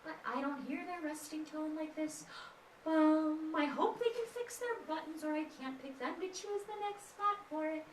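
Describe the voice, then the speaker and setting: A woman's voice: high voice, moderate pace, a little hiss or hum. A woman leading a kindergarten music lesson, chanting and singing simple tunes and coaxing the children in a sing-song teacher voice. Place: indoor classroom. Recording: echoey room, voice from far off.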